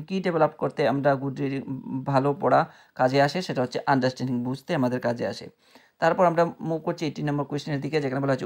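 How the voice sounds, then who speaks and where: Man teaching exam questions. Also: fairly high pitch. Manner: repeats key answers, checks in with "okay?". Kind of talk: explaining exam questions, reading each aloud slowly.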